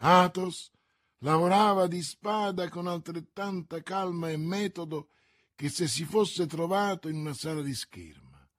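A man narrating a classic novel aloud in a steady, measured storytelling manner. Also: high voice, no echo, studio quality. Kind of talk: audiobook reading of a classic novel.

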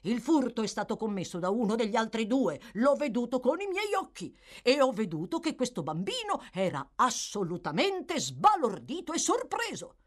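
A woman reading aloud, voicing an agitated male bookseller who shouts insistently, out of breath, in an audiobook. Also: on the high side, very animated, normal speed, voice pushed up.

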